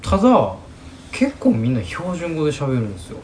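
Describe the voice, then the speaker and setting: A man's voice: a little high, wildly swooping pitch, normal speed, slight background noise. A man with a Kansai accent chatting casually and colloquially, emphatically acting out little snatches of dialogue as he goes. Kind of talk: casual chat.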